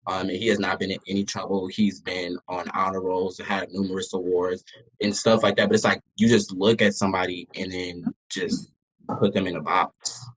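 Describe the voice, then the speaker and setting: A young man with soft R's that come out as W, casually telling a personal account in a group discussion. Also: low-pitched, little pitch movement, moderate pace, slightly rough, poor audio. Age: young adult. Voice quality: can't pronounce R, says w for r.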